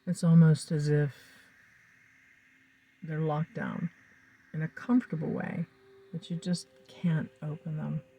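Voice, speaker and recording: A hypnotist leading a calm guided induction, with soft, breathy, soothing speech and slow phrases broken by lingering pauses. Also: mid-range voice.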